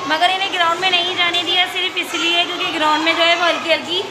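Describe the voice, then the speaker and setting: A young woman, a schoolteacher, vlogging casually on a phone as she walks around a school, chatting and gently coaxing a child with questions. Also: very high-pitched, level tone, fast talker. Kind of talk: casual vlog chat. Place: school grounds and corridors. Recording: loud crowd and ambient noise. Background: children playing and chatter.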